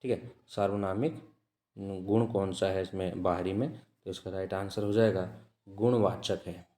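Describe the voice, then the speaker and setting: Low-voiced man explaining test answers. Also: steady tone, warm tone, reverberant. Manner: measured, repeats answers with frequent "ठीक है" checks. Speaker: exam-prep teacher. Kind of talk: reading out and explaining test questions.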